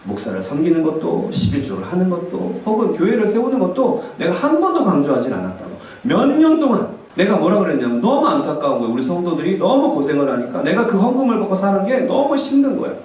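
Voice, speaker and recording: A man's voice: sits high, wildly swooping pitch, fast talker, few pauses, a little mellow. A male pastor preaching a sermon, asking the congregation questions and acting out quoted speech. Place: church sanctuary. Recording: echoey church hall, distant mic.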